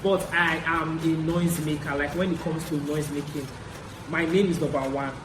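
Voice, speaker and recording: Speaking at a moderate pace in a low, steady voice, this young Nigerian-accented vlogger tells confessional stories casually and conversationally, often repeating phrases to stress a point. The room echoes, and background noise is clearly audible.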